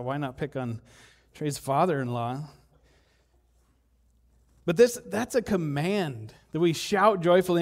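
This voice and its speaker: A man delivers a sermon in a church hall, his slightly raised voice trailing off into a long reverb. He talks in a relaxed, conversational way, asks the congregation questions and doubles back on his words. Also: a little high. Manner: conversational, self-deprecating, frequent restarts and rhetorical questions. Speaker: preacher.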